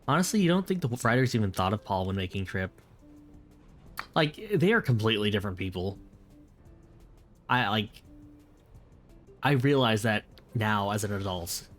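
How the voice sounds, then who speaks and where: A man's voice: lowish voice, animated, normal speed, pauses often, a bit bright, soft background music. A man streaming late at night, chatting casually and rambling, correcting himself as he replies to viewers.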